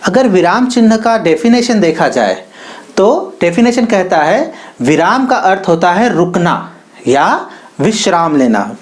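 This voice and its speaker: A woman teaching a Hindi grammar lesson, reading example sentences slowly and with emphasis. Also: on the low side, sing-song, soft background music. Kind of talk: explanatory classroom lesson.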